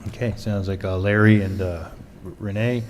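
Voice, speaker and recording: A man serving as mayor chairs a city council meeting in a relaxed, joking way, with plenty of fillers. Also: on the low side, normal speed, a crowd in the background. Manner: relaxed, jokey, many fillers. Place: council chamber. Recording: long reverb in a council chamber, faint noise.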